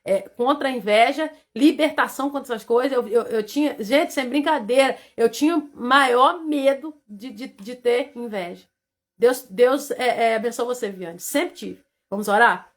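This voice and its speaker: A Brazilian woman preaching a devotional message with a high, bright voice. She is fervent, dropping into hushed asides and then rising to loud, emphatic cries. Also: normal speed. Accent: Brazilian Portuguese.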